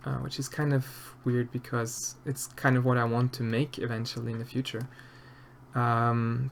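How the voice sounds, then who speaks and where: While sculpting on a live stream, a soft-spoken man from Austria chats casually and hesitantly with viewers in an Austrian German accent, full of fillers and restarts. His voice is medium-pitched, and the recording carries a little hiss or hum.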